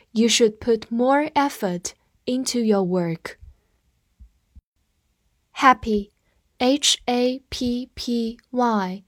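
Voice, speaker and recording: A woman's voice: fairly high pitch, no echo, clean studio sound. Cheerful woman teaching English words. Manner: spells words letter by letter and reads example sentences slowly. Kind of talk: vocabulary lesson.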